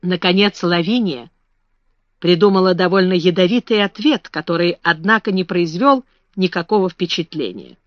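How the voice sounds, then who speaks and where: A narrator reading a classic children's story aloud in an even, measured way. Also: medium pitch, no room sound. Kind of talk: audiobook reading. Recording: dull lo-fi dry recording.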